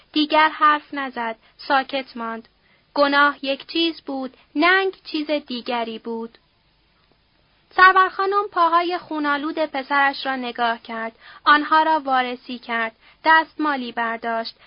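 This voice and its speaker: A woman reading a novel aloud as an audiobook narrator in a steady, somber storytelling manner. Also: high voice, dry recording, muffled recording. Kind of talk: scripted narration.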